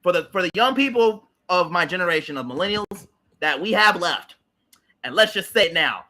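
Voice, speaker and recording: Speaking at a normal speed, a man in his late 30s hosts a livestream in a high, sharp voice with lively intonation. He goes on a heated, emphatic political rant, repetitive and peppered with blunt swearing.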